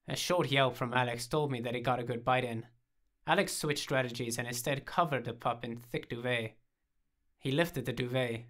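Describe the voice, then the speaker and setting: A man reading a story aloud in a calm, measured narrating voice. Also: mid-range voice.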